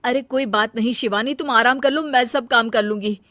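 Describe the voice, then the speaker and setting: A woman voicing a dutiful, sensible elder daughter-in-law in a cartoon family drama, earnest, expressive and chiding. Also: on the high side, moderate pace, no room sound. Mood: gently reassuring.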